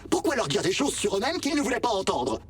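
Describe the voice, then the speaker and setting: Chatty, wistful vending machine AI, very expressive. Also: male voice, high voice, fast, slightly rough, recorded from a distance, exaggerated voice. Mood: wry, candid. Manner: expressive, theatrical, polite. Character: chatty sentient male vending machine AI, gentle, wistful, wry. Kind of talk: video game acting in French.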